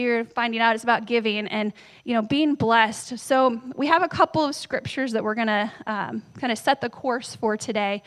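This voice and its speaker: A woman's voice: high-pitched, fairly bright tone. Woman pastor, chatty handheld-mic sermon. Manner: conversational, tells family stories, asks the audience questions. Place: church. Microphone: handheld microphone.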